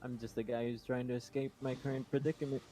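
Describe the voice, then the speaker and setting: A man's voice: medium pitch, little pitch movement, fast talker, dark tone. A man chatting casually as a player in a tabletop role-playing game. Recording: clear background noise at the table.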